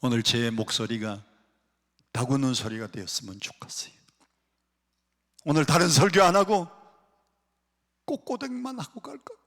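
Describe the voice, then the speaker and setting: A man pastor preaching a sermon dramatically, swinging between loud lines and whispers. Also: mid-range voice, moderate pace, pauses often. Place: prayer retreat sanctuary. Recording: reverberant hall.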